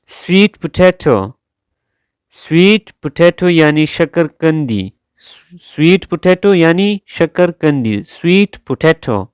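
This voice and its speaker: Slowly and carefully, a man whose native tongue is Urdu drills English vocabulary, saying each word again with drawn-out pronunciation. His voice is a little high with a clean tone, and the studio recording carries no room sound.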